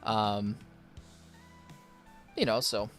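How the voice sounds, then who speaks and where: Very slow and fairly bright in tone, this streamer speaks at a fairly low pitch with fairly even intonation while soft music plays behind him. Between rounds of gameplay he looks over viewers' accounts and responds to chat, rambling through fillers and restarts.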